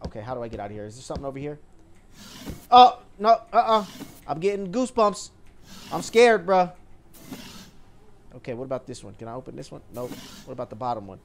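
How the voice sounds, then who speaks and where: A young man casually commentating a horror game for viewers, slangy and easily startled. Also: a little high. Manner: slangy, jumpy, talks to viewers. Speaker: gaming YouTuber. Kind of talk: horror let's play commentary.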